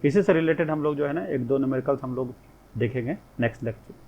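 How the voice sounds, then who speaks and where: Gravelly male physics teacher lecturing. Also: medium pitch, fast talker, darkish tone, lo-fi sound, a little hiss or hum. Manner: explains step by step, asks and answers his own questions, mixes in English phrases. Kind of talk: recorded classroom lecture.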